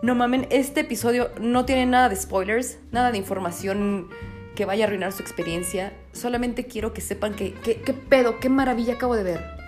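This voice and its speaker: A young Mexican woman with a fairly high voice, breathless from pacing as she records her solo podcast. She talks in an excitable, profane rush, swinging from near-shrieks to hushed asides, with faint music in the background. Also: a little fast. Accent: Mexican Spanish. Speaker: podcast host.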